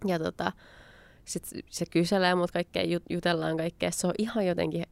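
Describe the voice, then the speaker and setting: Young woman telling a story casually, kinda low gravelly voice, dry close sound. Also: little pitch movement, darkish tone, dry recording. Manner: chatty, acts out her own past lines with quoted asides. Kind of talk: casual spoken anecdote.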